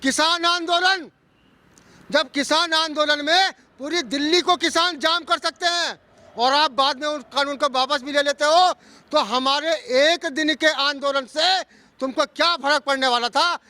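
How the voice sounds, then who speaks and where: A man leading a protest, defiant and forceful, addressing the government. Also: extremely high pitch, unhurried. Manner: shouting, defiant. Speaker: protest leader. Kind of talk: protest slogans and speech.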